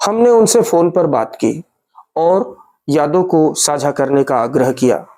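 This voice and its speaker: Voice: mid-range voice, expressive, measured pace, dark tone. A narrator telling a documentary story in scripted voice-over, addressing listeners as friends. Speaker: narrator of a history series.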